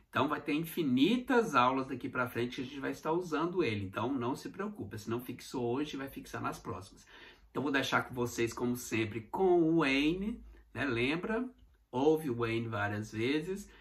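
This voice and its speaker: A man with a Brazilian Portuguese accent, teaching English in a casual video lesson, patient and repeating each example slowly. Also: medium pitch, animated, a bit bright.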